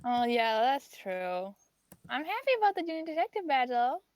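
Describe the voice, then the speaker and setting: Woman player, casual in-character chat, slightly high voice, hesitant. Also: big pitch swings, normal speed. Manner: chatty, hesitant with many fillers. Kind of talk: playing a tabletop game in character.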